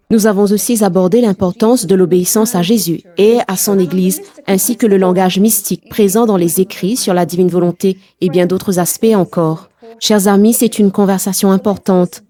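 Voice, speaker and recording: A woman hosting a panel conversation, speaking in a measured, earnest way. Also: medium pitch, dark tone. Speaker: host. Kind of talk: scripted introduction and moderating.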